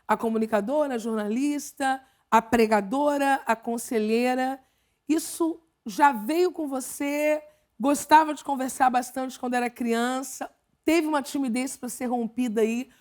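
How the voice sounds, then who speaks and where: A Brazilian woman, a pastor hosting an interview, asking measured questions and affirming her guest. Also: high-pitched, a little mellow. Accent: Brazilian Portuguese. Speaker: pastor and host.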